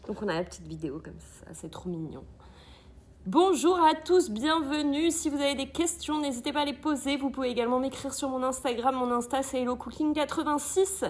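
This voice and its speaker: A woman's voice: sits high, fast, few pauses. A woman hosting a live cooking stream from an agency kitchen, chatting with viewers, greeting them often and reading their comments aloud.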